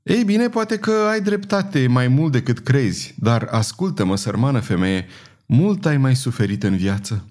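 A man's voice: medium pitch, very animated, darkish tone, voice pushed up, close to an everyday voice. A man voicing a scheming, commanding noblewoman who persuades with insistence and authority in an audiobook reading. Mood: coaxing.

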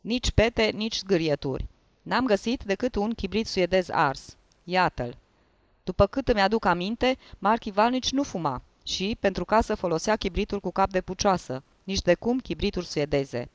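Un bărbat care joacă un tânăr anchetator zelos, ce raportează cu seriozitate fiecare indiciu. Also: male voice, high-pitched, expressive, dry recording, voice pushed up. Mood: eager. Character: young male assistant investigator, eager and talkative.

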